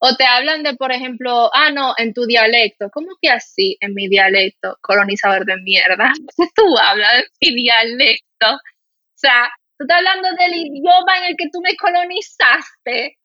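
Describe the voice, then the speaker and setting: Her voice is a little high and moves at a moderate pace, captured as dull audio with no echo. The Dominican podcast host has a mild Dominican Spanish accent and spins animated, indignant tales laced with fillers.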